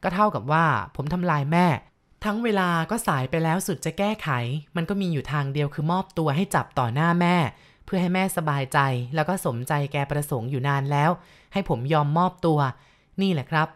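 A woman reading the lines of the ghost of a remorseful young male bandit, speaking quietly and pleadingly. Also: low voice, a little fast, natural voice.

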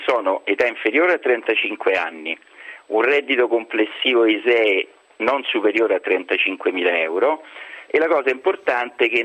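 A man speaking as a guest expert over a landline phone, explaining rules in a measured, formal way. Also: on the low side. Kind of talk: explaining rules on a radio call-in. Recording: dull lo-fi phone line.

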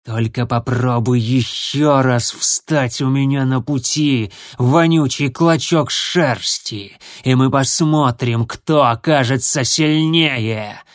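A man voicing a huge, cold and menacing warrior tomcat in an audiobook, speaking slowly with a hissing contempt. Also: mid-range voice, no room sound, clean studio sound, lightly acted.

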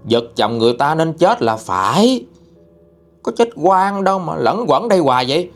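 A man voicing a stern, sharp-tongued old woman exorcist in a ghost story, with a Southern Vietnamese accent and a scolding, mocking manner. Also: a little high, big pitch swings, normal speed, faint music behind, voice pushed up. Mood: threatening.

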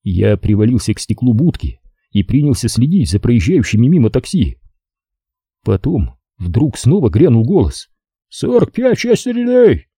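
Male audiobook narrator, wry measured telling, very dark husky tone, lively pitch, dry close mic. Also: dry recording. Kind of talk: first-person audiobook narration.

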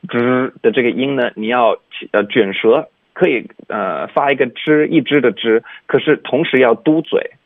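A man's voice: mid-range voice, normal speed, gravelly, hardly any pauses, no room sound. Man teaching pronunciation over a tinny line. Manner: explains patiently, demonstrating English sounds with exaggerated articulation. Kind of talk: radio language lesson. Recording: dry, tinny phone-like sound.

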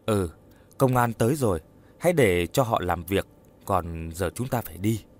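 A man's voice: fairly low pitch, lively intonation, normal speed. A man voicing the determined ghost of a young husband in a storybook horror tale. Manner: urgent, determined.

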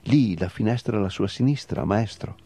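A man's voice: on the low side, normal speed, dark tone, husky, soft background music. A man voicing a lazy, meek ginger tomcat who fawns over his master. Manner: meek, fawning.

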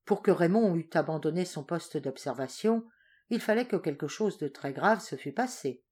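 Woman narrating a novel, slightly low voice. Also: expressive, moderate pace, a little mellow, slightly rough. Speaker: audiobook reader.

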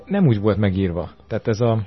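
A man co-hosting a casual radio chat, dropping in dry, matter-of-fact comments. His voice is low. The audio is muffled and lo-fi, like an old compressed radio recording. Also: big pitch swings, breathy edge. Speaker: radio show co-host.

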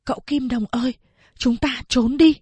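A woman's voice: high voice, steady tone, normal speed, a little mellow, breathy edge, no room sound, voice pushed up. A woman voicing a curious, secretive young village boy who speaks in eager, pleading questions.

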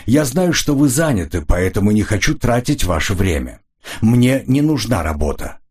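A man's voice: on the low side, sing-song, moderate pace, darkish tone, husky, pitched above the performer's own voice. A man voicing a sullen, curt former agent who answers defensively in an audiobook.

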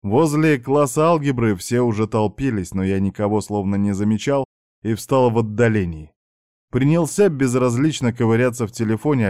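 A man narrating a first-person novel in an unhurried, measured audiobook reading. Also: fairly low pitch, darkish tone, smooth, dry recording, studio quality.

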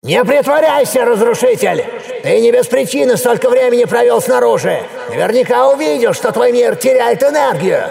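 A man voicing an unseen, gloating male enemy with a thunderous, creaky voice that talks slowly and mockingly. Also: extremely high pitch, expressive, darkish tone, in a large hall, voice pushed up, heavily acted.

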